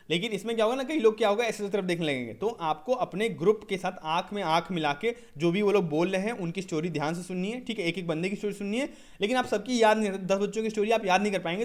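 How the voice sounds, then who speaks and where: A young man teaching candidates in a casual lesson on a basic microphone, saying "ठीक है?" after nearly every phrase and reading English headings slowly before he explains them. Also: sits high. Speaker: SSB coaching presenter.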